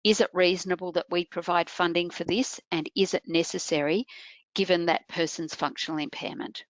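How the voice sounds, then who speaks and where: A woman with a lower-pitched voice presents an informational webinar, guiding listeners through each point. Her voice comes over a computer mic, dry and close, with dull, muffled online audio. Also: steady tone, fairly quick, no room sound. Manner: explanatory, addresses listeners directly.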